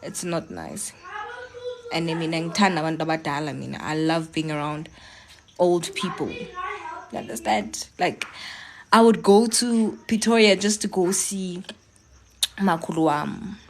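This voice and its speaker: A woman's voice: fairly low pitch, normal speed, slight background noise. A young South African woman chatting casually with viewers during a live stream from home, encouraging and mixing languages. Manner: chatty, switches between English and local languages, encouraging.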